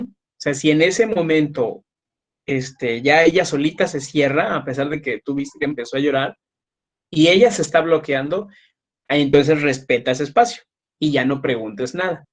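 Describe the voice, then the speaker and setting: A man giving a recorded psychology class, talking conversationally, repeating points and checking in with "ok?", with frequent fillers and restarts. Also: fairly high pitch. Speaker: psychology lecturer. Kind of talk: recorded online class lecture.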